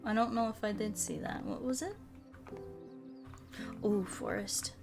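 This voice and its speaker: Her medium-pitched voice is a little slow with fairly even intonation as this woman livestreams a game. She hosts casually, thinking aloud and rambling, while music plays behind her voice.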